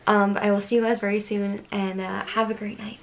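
Gushing, excitable woman vlogger. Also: mid-range voice, fairly quick, slight background noise, poor audio. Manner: gushing, excitable, chatty with many "like"s. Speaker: YouTuber reacting to a song. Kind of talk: casual fan reaction vlog.

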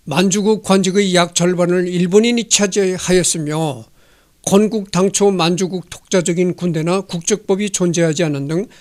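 An older man in his sixties talks through a history text at home, and his voice sits noticeably high for a man. He reads a line, then drifts into chatty asides, often asking his listeners rhetorical questions. He speaks into a handheld microphone in an indoor room. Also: fairly even intonation, moderate pace, a little mellow. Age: 60s. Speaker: history channel host. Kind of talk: casual lecture reading and commenting on a text.

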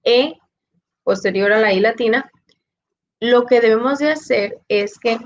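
A high-voiced English teacher gives a recorded grammar lesson at a measured pace. She explains step by step, repeats key points, and ends with "ok?", and the sound is dull and lo-fi.

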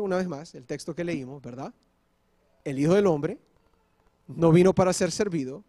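A man's voice: high voice, a little mellow. A male pastor preaching a sermon, explaining step by step and often checking in with the congregation. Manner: switches briefly into English. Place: church.

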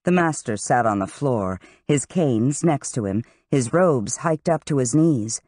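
An audiobook narrator reading a fantasy novel with expressive, varied delivery. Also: mid-range voice, a little slow, dry recording, clean studio sound.

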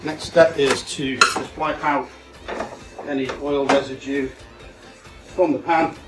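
A middle-aged chef cooks at the stove in a small home kitchen, giving casual, plain-spoken step-by-step instructions as he demonstrates a recipe. His medium-pitched voice is slow and fairly even, set against loud music, a sizzling pan, frying, stirring and general kitchen noise.

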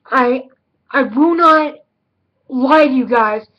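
A woman's voice: sits high, takes it slowly, muffled recording. A woman giving a casual film review, blunt and emphatic, repeating words for stress.

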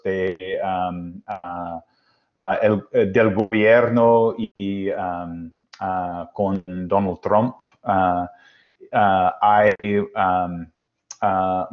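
A man in his fifties, a native English speaker, giving an informal lecture in hesitant Spanish with an American accent, searching for words. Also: on the low side. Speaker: guest lecturer. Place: small room at home, indoors. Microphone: wired earphone headset on a video call. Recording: dull, lo-fi video-call audio.

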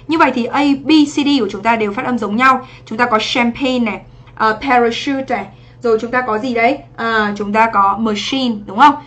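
High-voiced chatty woman teacher. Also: a bit bright. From Vietnam. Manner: chatty, checks in often with rhetorical questions. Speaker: English teacher. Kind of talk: livestream exam review lesson.

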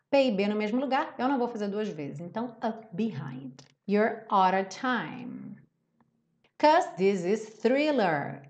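A Brazilian woman teaching English pronunciation, who reads the lines out slowly and then explains them quickly. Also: medium pitch, darkish tone, muffled recording. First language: Portuguese. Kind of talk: pronunciation lesson.

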